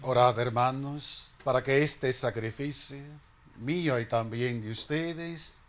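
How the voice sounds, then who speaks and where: A middle-aged man, a priest leading liturgical prayers at Mass in a small chapel, intoning slowly and solemnly. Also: mid-range voice.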